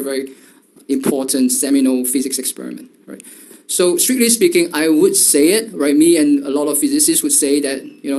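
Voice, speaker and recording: A man's voice: medium pitch, gravelly, darkish tone. A male lecturer giving a university lecture, talking in a loose way full of fillers and repeated "right?" checks.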